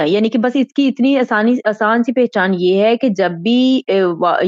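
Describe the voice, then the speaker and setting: A woman's voice: medium pitch, a little mellow, no room sound, muffled recording. A woman teaching an Arabic grammar lesson, explaining step by step and often checking that her students are following. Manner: patient, explains step by step, keeps checking with "theek hai?". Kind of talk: Quran grammar lesson in Urdu.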